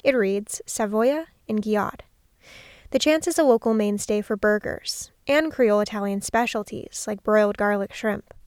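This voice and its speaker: A woman hosting a podcast, narrating a scripted documentary story in a measured way. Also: mid-range voice, a little mellow, clean tone, no echo, clean studio sound. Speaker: podcast host.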